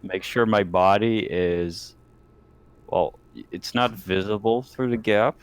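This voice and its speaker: A man's voice: lowish voice, slow, smooth. A man playing a tabletop game, chatting casually and informally with some swearing. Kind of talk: casual gaming chat.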